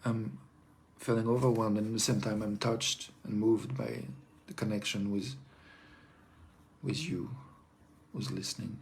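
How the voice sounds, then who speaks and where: Live streamer, male, French accent, gravelly low-key voice, hesitant and soft-spoken, some faint noise in the background. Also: fairly even intonation, slow. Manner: hesitant, soft-spoken, repeats himself in both languages. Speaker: live streamer reading chat. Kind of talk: reflective bilingual live stream.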